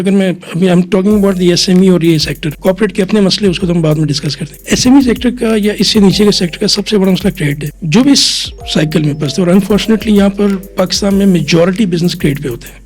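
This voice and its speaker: A man's voice: high-pitched, darkish tone. A middle-aged man from Quetta, a chartered accountant guest, explaining at length in a podcast interview and mixing English phrases into his Urdu. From Pakistan, Quetta. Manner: mixes English phrases into Urdu, frequent "theek hai".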